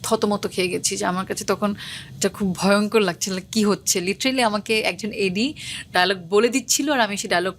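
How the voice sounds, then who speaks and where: Fast-talking young woman, actress guest. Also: mid-range voice, steady tone, slight background noise. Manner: fast-talking, mixes English words. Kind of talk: casual interview talk.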